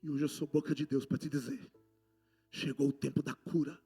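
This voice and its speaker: A man with a Brazilian Portuguese accent preaching a sermon, passionate and swinging between loud outbursts and hushed lines. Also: a little high, steady tone, normal speed, vocal fry, slightly rough, soft background music. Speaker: apostle preaching.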